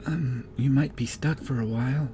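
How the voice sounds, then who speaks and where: A man voicing a measured, formal elf woman in a raised, softened voice. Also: medium pitch, a little hiss or hum, voice pushed up, lightly acted. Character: elf woman from another continent, measured and wary.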